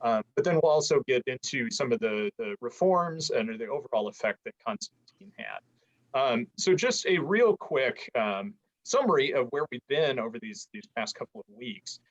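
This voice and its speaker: Speaking at normal speed with a medium-pitched, expressive voice, a man delivers an online church history lecture for adult learners over a video call. He's inside a church, relaxed in manner though he keeps stumbling and restarting. The recording is low quality, and his audio is uneven and often drops out.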